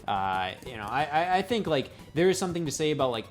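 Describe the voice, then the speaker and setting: A man's voice: on the high side, big pitch swings, quick pace, faint music behind. A man talking casually about retro games, rambling with many fillers and blunt opinions. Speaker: retro game reviewer. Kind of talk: casual commentary.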